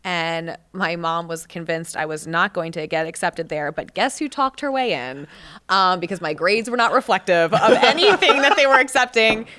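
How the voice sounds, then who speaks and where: A woman in her late twenties, a podcast guest, telling stories in a lively, laughing way and acting out quotes. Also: on the low side, moderate pace. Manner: animated storyteller, laughs often, acts out quotes. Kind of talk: casual chat.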